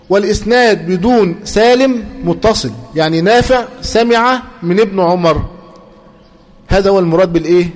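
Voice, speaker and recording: Egyptian male teacher, high-pitched, drills students with prompting questions. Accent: Egyptian Arabic. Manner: repetitive, prompts students to finish sentences. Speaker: teacher of hadith terminology. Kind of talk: classroom lecture with call-and-response questions.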